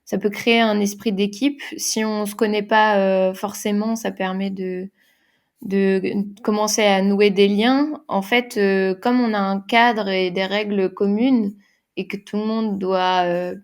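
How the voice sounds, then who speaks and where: A woman of medium pitch answers interview questions about using games in workshops. She thinks aloud as she goes, with frequent hesitations and restarted phrases. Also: flat delivery, unhurried. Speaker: game designer and facilitator.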